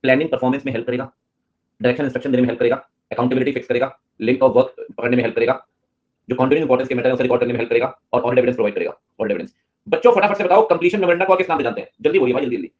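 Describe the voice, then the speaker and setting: A man's voice: medium pitch, very fast, narrow, tinny audio. A man teaching a live online class, joking and teasing his students between points.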